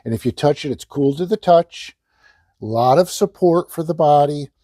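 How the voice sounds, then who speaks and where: Male infomercial presenter: relaxed, mellow tone, hard-sell ad copy delivered with emphasis, very dry recording. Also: on the high side, moderate pace, no echo. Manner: hard-sell, emphatic, repeats selling points. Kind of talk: sales pitch, product demonstration.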